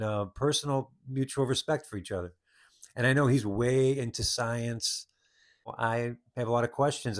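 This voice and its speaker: A man talks through a personal story on his own podcast, circling back and restarting his sentences as he goes. His voice sits at an ordinary middle pitch, and the delivery is loose and conversational. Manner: rambling storytelling with frequent restarts. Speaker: podcast host. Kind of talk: casual monologue.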